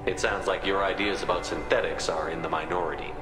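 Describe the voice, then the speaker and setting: A man with a deep, steady, natural voice speaks quickly as an actor voicing a composed military commander in a video game. His delivery is direct and businesslike, with echoey hall reverb and music behind.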